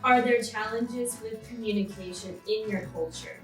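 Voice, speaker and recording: A woman's voice: fairly high pitch, moderate pace, echoey room, faint music behind. A woman hosting a discussion, reading out prepared introductions and questions. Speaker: host. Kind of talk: scripted host introduction and questions.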